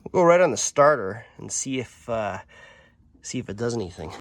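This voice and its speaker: A young adult to middle-aged man, a father of a daughter who hosts a workshop channel, narrates a casual repair vlog from his home workshop or yard beside a mower. His mid-range voice is slightly nasal from a sinus infection, expressive and at normal speed, with no echo. He chats offhandedly as he works, thinking aloud with plenty of uhs.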